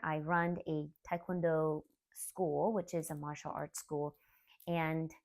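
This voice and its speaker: A woman in her forties from Laos, a martial arts school owner, telling a personal story in an earnest, candid, soft-spoken way. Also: on the low side.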